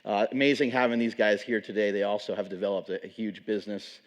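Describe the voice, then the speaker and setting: Guy introducing guests fast, low monotone voice, lots of uhs. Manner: rambling, many fillers. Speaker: gym owner and host. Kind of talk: event introduction. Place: large gym.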